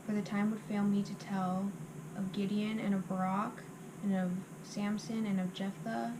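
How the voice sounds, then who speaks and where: Female reciter, mid-pitched and monotone, delivering memorised scripture by rote in halting phrases; noisy amateur recording.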